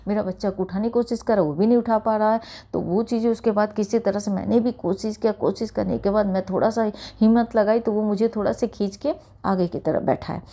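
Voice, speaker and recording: Earnest woman with a mellow voice. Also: medium pitch, steady tone, a little fast. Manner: earnest storytelling, often addresses listeners as sangat ji. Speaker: satsang sharer. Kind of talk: personal testimony.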